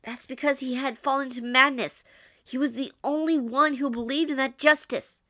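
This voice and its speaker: A woman's voice: high-pitched, fairly even intonation, normal speed, bright, forceful tone, no echo, clean studio sound. A woman hosting a let's play, reading game text aloud and commenting in an informal, reactive way.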